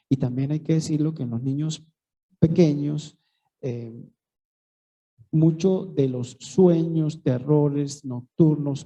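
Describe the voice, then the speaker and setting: Gravelly man explaining sleep clinically. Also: a little high, warm tone, poor audio. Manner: measured, clinical, with fillers. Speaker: sleep specialist on a panel. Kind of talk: explanatory panel talk.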